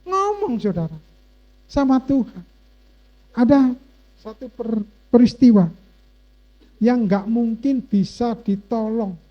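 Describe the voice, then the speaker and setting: A man preaching a sermon as pastor, emotional, swinging between hushed and loud. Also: very high-pitched, slow pace, pauses often. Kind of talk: sermon with personal testimony. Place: church. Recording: dull, muffled lo-fi church recording.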